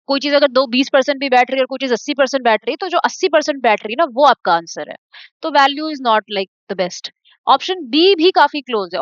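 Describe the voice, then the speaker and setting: A woman's voice: sits high, dry recording, lo-fi sound. A woman with an Indian accent teaching an exam-prep English lesson, explaining step by step and spelling words out letter by letter.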